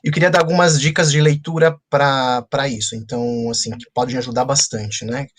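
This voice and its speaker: A man, a children's book author, talking casually in a webinar with an animated storytelling manner and frequent restarts. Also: mid-range voice, brisk. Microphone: video call. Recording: noisy video call audio.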